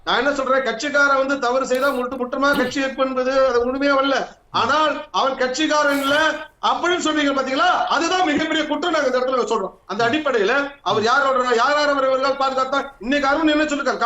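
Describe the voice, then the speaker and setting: A man's voice: very high voice, fast talker. A man arguing insistently as a party spokesman in a heated TV debate, repeating his points. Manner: forceful, insistent, repeats himself. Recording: echoey, slightly dull audio.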